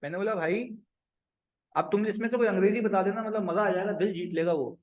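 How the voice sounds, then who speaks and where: A male accounting teacher giving a classroom lecture, animated, acting out client dialogues and quizzing his students. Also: high-pitched, a little fast.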